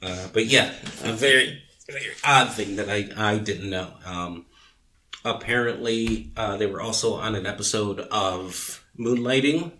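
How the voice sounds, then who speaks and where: A man's voice: on the low side, bright, forceful tone. A man in his thirties chatting casually as a podcast co-host, rambling with many fillers. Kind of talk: casual chat.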